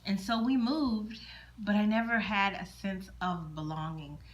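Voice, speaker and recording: Talking to her camera at home with the windows open, a middle-aged vlogger thinks aloud, rambling and repeating words. She was born in Germany and grew up a military child. Her mid-range voice has a steady tone and a measured pace.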